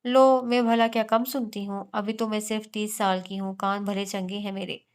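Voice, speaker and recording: Woman reader as cheeky maid around 30, chattering, smooth tone. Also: medium pitch, flat delivery, normal speed, natural voice.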